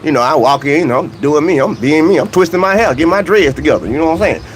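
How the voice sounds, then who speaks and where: Talking very fast in a fairly high, animated voice, a young man rants comedically and casually about track and field. He laughs between points and keeps firing rhetorical questions, and a little hiss or hum is audible.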